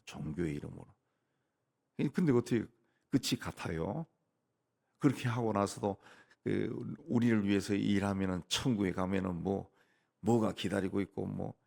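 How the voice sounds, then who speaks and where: Gravelly low-voiced male pastor. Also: darkish tone. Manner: plain-spoken, punctuates points with "예" and "막". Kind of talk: conversational sermon at a dawn prayer service. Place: church sanctuary.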